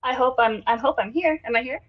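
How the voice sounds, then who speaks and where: A woman playing in a tabletop game who describes her character in a relaxed way with many fillers. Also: high voice, fast, highs cut off. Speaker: player.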